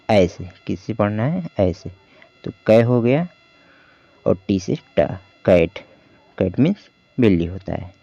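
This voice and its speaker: A man's voice: on the low side, creaky, mellow, no room sound. A man teaching English reading in a beginner phonics lesson, patiently asking questions and answering them himself, in a dull lo-fi voice-over.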